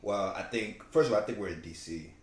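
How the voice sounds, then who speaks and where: A man's voice: on the low side, quick pace. A man chatting casually as a podcast co-host, slangy, often tagging his points with "you know what I mean". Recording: roomy echo with faint background noise.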